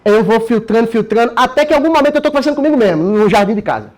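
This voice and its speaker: Man, Brazilian accent, very high pitch, casual, energetic, slangy. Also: racing. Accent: Brazilian Portuguese. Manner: energetic, frequent tag questions and slang. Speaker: course participant sharing his method. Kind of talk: casual explanatory talk.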